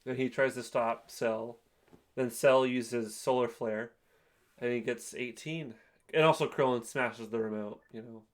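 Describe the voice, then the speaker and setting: A young man co-hosting a casual chat, explaining in a plain, relaxed way with a lot of "like". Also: medium pitch, unhurried. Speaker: co-host.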